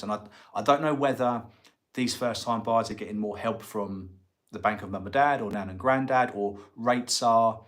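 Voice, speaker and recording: A man with a fairly low voice and an Essex accent hosts a casual livestream. He talks in a chatty, colloquial way, as if answering viewers directly. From Essex, England. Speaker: livestream host and estate agent.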